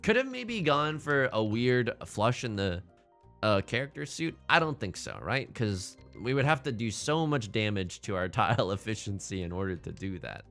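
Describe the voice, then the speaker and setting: A man's voice: mid-range voice, very animated, normal speed, a bit bright, soft background music. A man commentating on his own game live, thinking aloud casually with joking, mock-dramatic asides. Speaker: gaming streamer.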